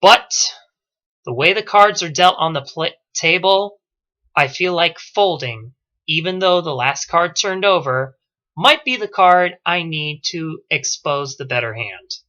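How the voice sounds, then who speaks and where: Bright-voiced woman giving lo-fi sports takes. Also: lowish voice, measured pace. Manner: animated, with frequent self-corrections. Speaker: sports vlogger. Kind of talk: opinionated sports commentary. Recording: dull lo-fi audio.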